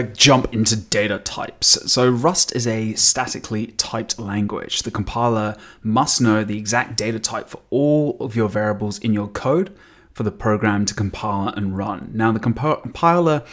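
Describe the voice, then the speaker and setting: A man in his thirties teaching programming, thinking aloud with frequent ums and self-corrections as he types. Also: fairly low pitch. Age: 30s. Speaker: programming tutor. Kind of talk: screen-recorded coding tutorial.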